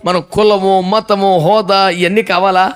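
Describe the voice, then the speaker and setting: A male pastor delivers a lively sermon in a high voice. He tells the story with energy, slipping into the characters, and needles his listeners with mocking rhetorical questions. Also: a little slow, clean tone. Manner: animated storytelling, acting out characters.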